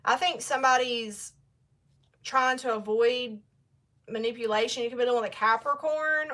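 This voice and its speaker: A woman's voice: on the high side, steady tone, moderate pace, a bit bright. A young woman giving a casual tarot reading, chatty and blunt, talking straight to her viewers. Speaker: tarot reader.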